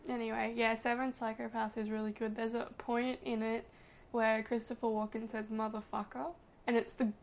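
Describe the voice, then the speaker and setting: A woman's voice: a little high, flat delivery, normal speed. A woman co-hosting a podcast, chatting casually and gushing like a gossipy storyteller. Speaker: podcast co-host. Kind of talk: casual chat.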